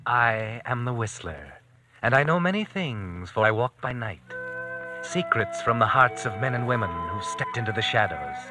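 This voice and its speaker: A man's voice: mid-range voice, lively intonation, normal speed, close to an everyday voice. A man playing a sinister, all-knowing narrator of crime tales in an ominous, theatrical 1940s radio style. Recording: old radio recording with loud music. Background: loud dramatic music.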